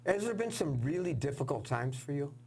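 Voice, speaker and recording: A man hosting a TV sports interview, asking earnest questions with halting fillers. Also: a little high, very animated, gravelly, darkish tone, slight background noise. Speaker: sports show host.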